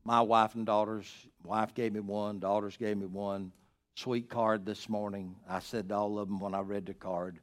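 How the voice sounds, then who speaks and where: An older man preaching a sermon as pastor, swinging between loud, emphatic lines and quiet, hushed ones. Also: lowish voice, level tone, normal speed.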